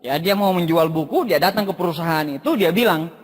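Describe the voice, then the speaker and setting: A man's voice: high-pitched, expressive, a little fast. A man giving a humorous motivational talk, telling stories and addressing listeners as "Pak" again and again. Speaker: motivational speaker. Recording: long hall reverb.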